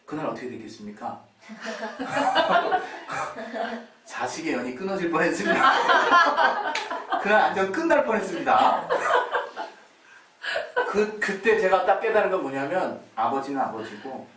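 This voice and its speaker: A male pastor giving a sermon in Korean-style storytelling, animated and often laughing as he acts out his memories. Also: high voice, a little slow, long pauses, heavy background noise. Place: church. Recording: roomy church hall, distant mic.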